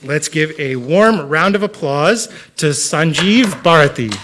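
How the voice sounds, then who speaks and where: A man with a somewhat high-pitched voice speaks as the host of a formal competition. He delivers a scripted introduction in complete, prepared sentences, presenting the event to those attending. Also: expressive, a little slow, fairly bright tone. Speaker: host of a youth speech competition.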